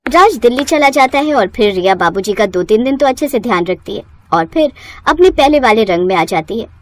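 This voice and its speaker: A woman narrating a family storybook cartoon in an expressive, scripted way. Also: on the high side, a little fast, dry recording.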